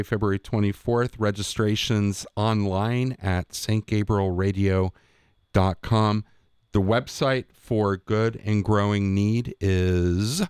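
A man's voice: low voice, a little mellow, smooth, dry recording, clean studio sound. A man hosting a radio show, moving between conversational remarks and announcements.

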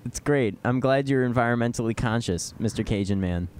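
A man's voice: medium pitch, brisk, a little mellow, a little hiss or hum. A man hosting a casual podcast, firing off loose, joking questions. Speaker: podcast host.

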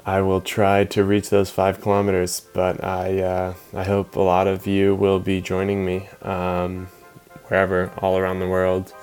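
Brief: male podcast host, very low flat voice, hesitant and filler-heavy. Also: measured pace, soft background music. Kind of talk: casual podcast talk.

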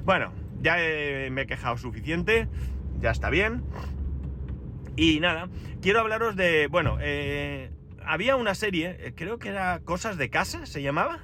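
A man's voice: on the high side, animated, normal speed, sharp tone, a little hiss or hum. A middle-aged man from Spain with a Spanish accent and a head cold, giving a casual, wry, grumbling personal monologue as a podcast host. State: has a head cold with runny nose.

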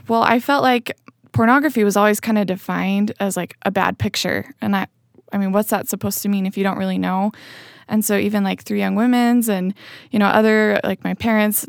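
A woman's voice: mid-range voice, fairly even intonation, a little fast, vocal fry, dry recording, clean studio sound. A young woman from Utah, a student and blogger, talking openly and casually as a podcast guest, with lots of "like" and "you know.". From Utah, USA. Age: young adult. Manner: casual, open, frequent "like" and "you know" fillers. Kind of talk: casual interview conversation.

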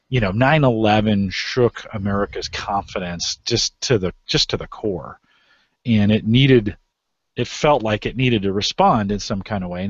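Rambling low-voiced man hosting a talk. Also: no echo, highs cut off. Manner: rambling, many restarts and fillers. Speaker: podcast host. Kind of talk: casual discussion.

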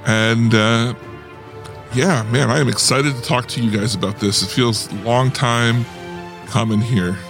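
A man's voice: medium pitch, fairly even intonation, a little slow, fairly bright tone, faint music behind. A man hosting a podcast in casual chat, easygoing and leading the talk. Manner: easygoing, laughing, leads the talk. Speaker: podcast host.

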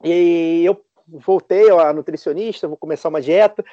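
A man co-hosting a podcast, out of breath, enthusiastic and halting in a casual chat. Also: a little high, no room sound, highs cut off. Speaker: podcast co-host.

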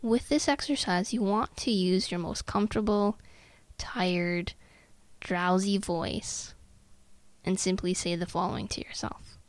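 Woman therapist, mid-pitched, soothing guided-relaxation delivery, dry booth recording. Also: dry recording. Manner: slow, soothing, calm guidance, drifts into hushed tones. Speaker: podcast host and therapist.

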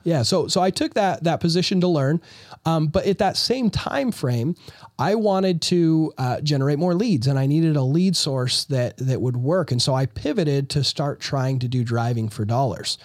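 A man's voice: on the high side, normal speed, a little mellow, no echo, clean studio sound. A man telling his business story as a guest in a casual interview, talking energetically and often restarting his phrases. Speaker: real estate investor guest.

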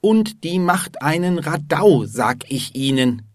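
A man's voice: fairly high pitch, sing-song, very slow, no echo, clean studio sound, voice pushed up, heavily acted. A man voicing an irate male customer who complains about a broken washing machine and speaks in a curt, commanding way. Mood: indignant.

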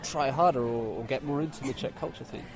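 A man's voice: medium pitch, brisk. A male reporter asking long, rambling interview questions. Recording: outdoors with crowd and music.

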